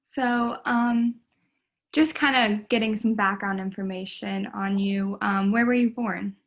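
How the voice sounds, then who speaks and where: A woman's voice: medium pitch, steady tone, measured pace. A young woman running a student clinical interview, friendly and tentative, with frequent ums.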